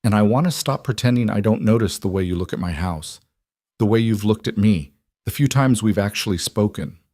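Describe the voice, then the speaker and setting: Tired heartbroken widow, pleading and worn out, man reading her in a low dry voice. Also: lively intonation, fairly quick, mellow, no room sound. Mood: grieving. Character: grieving young widow, weary and raw.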